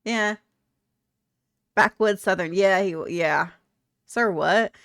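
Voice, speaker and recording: Young woman streamer, mid pitch, close dry mic, blunt casual chat with frequent laughs and swearing. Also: takes it slowly, fairly bright tone, dry recording. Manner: candid and blunt, laughing often, swearing freely. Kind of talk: casual chat reading viewer comments.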